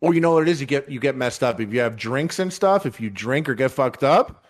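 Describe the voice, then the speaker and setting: A man's voice: medium pitch, animated, fairly quick. Joking, rambling man in his thirties. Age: 30s. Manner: joking, rambling, self-mocking. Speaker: guest on a voice call. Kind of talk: casual chat. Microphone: online voice call.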